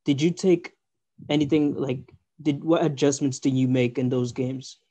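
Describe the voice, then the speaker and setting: A man's voice: mid-range voice, steady tone, normal speed, mellow. A twenty-year-old man hosting a sports podcast, asking questions in an eager, informal way with many fillers. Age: 20s. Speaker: podcast host, interviewer. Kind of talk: casual interview.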